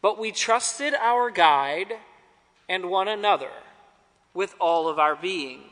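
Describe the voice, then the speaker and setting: A man's voice: high voice, slow pace. A man preaching a sermon in church, telling a story and leading the congregation in call-and-response. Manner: expressive, calls out names and lines for the congregation. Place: church sanctuary. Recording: long church reverb.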